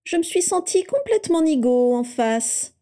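A woman reading the lines of a smug, playful teenage boy wizard in a storybook reading, in a raised, mellow voice. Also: high-pitched, very animated, normal speed, pitched above the performer's own voice. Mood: smug teasing. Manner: playful, self-satisfied.

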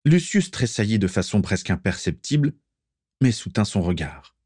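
A man narrating a story aloud in a steady, measured way. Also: lowish voice, husky, dry recording, clean studio sound. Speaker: reader. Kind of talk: audiobook narration.

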